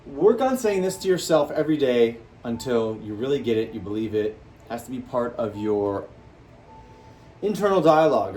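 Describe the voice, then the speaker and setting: A man hosting a motivational talk to camera, speaking animatedly and jumping up in pitch for emphasis, acting out quoted people. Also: warm tone. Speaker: host.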